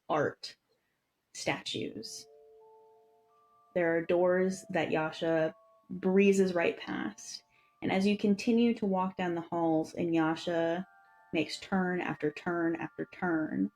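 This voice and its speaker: A woman running a tabletop game as dungeon master, describing scenes in an unhurried, descriptive way. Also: lowish voice, gravelly, a little mellow.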